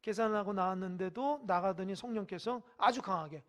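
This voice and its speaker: A pastor speaking a little fast in a mid-range voice preaches a midweek sermon in the church sanctuary. He asks the congregation questions directly and emphatically, shifting from loud exhortation to whispered asides.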